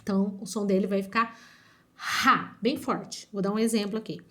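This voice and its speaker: A woman teaching an online phonics lesson, drawing out each syllable slowly and often checking whether the children follow. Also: medium pitch, level tone. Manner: slow, drawn-out syllables with frequent checking questions. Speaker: primary school teacher.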